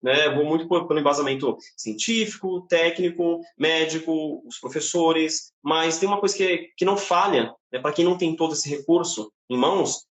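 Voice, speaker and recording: High-voiced Brazilian man teaching singing. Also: moderate pace, few pauses, echoey room. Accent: Brazilian Portuguese. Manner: relaxed, explanatory, frequent "né?". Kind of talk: casual live-stream vocal lesson. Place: home, indoors.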